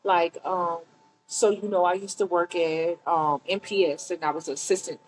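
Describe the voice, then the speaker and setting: A woman's voice: fairly low pitch, steady tone, normal speed, soft background music, rough recording. A woman from Mississippi with a Southern accent, a guest chatting casually on a podcast and laughing often. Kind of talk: casual chat.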